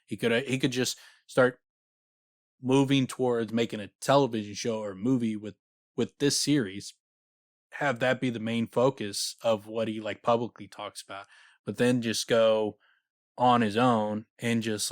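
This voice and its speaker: Relaxed rambling podcast co-host man. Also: medium pitch, moderate pace, no echo, studio quality. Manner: relaxed, rambling, lots of "like" fillers. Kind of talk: casual chat.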